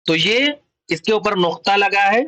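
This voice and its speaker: A man's voice: sits high, bright, forceful tone, low-quality recording. A man with an Urdu accent teaching children the Arabic letters, explaining patiently and repeating each letter and its sound. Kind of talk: slow explanatory lesson.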